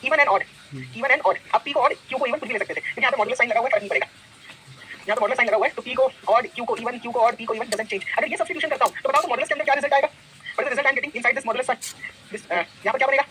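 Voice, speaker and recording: Brisk, bright-voiced male math teacher. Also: very high-pitched, a little hiss or hum, poor audio. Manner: lively, quizzing students with repeated questions. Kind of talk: classroom lecture, mixing Hindi and English.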